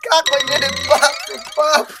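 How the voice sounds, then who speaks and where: A man's voice: extremely high pitch, little pitch movement, measured pace, creaky, exaggerated voice. An actor playing a young man who sobs and pleads after his wedding is called off, with music underneath. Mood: wailing. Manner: wailing, pleading, sobbing. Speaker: jilted son.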